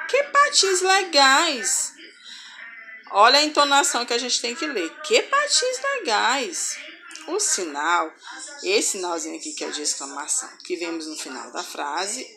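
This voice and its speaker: A woman teacher giving a slow grammar lesson to children, reading example sentences aloud with expressive intonation. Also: on the low side, noisy background. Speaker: schoolteacher.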